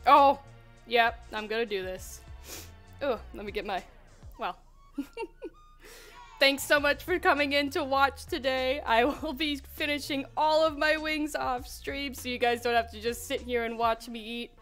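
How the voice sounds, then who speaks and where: A young woman with a high, bright voice hosts a casual livestream, chatting upbeat and laughing often as she reads the chat aloud. Her mouth is burning from spicy food, and faint music plays behind her. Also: steady tone, normal speed. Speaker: livestream host for a game studio.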